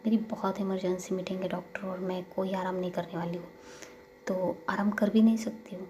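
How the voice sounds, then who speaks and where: A woman's voice: on the low side, flat delivery, fairly quick, warm tone, natural voice. A woman storyteller voicing a stubborn, impatient young working woman who protests insistently in a spoken audio story. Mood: protesting.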